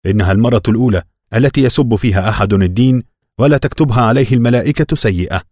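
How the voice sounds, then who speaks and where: A man's voice: fairly low pitch, expressive, fast talker, a little mellow, no echo. A man voicing a sarcastic village man with a dry wit in an audiobook.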